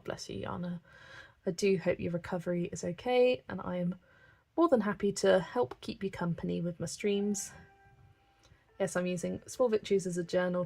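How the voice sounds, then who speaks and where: An English woman with a medium-pitched, gravelly, husky voice chats casually on a livestream, reading out viewer comments as she colours. She sounds relaxed and talkative, thinking aloud and letting out small laughs.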